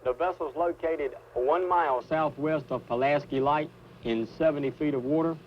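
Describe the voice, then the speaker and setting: Coast guard guy on marine radio, kinda high voice, muffled lo-fi, crisp by-the-book radio talk. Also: moderate pace, a little hiss or hum. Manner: crisp, formal radio procedure. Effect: marine radio transmission. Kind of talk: scripted radio call in a documentary. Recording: dull lo-fi radio sound.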